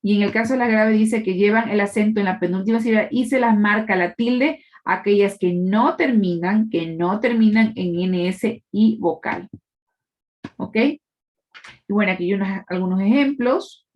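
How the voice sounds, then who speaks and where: A woman's voice: medium pitch, normal speed, a little mellow. Woman teaching a live online class. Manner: explanatory, checks in with tag questions.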